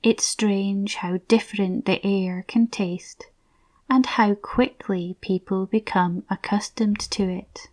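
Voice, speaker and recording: Slow, mid-range, and fairly even in intonation, a woman's breathy, almost whispered voice soothingly reads a scripted guided visualization in soft tones.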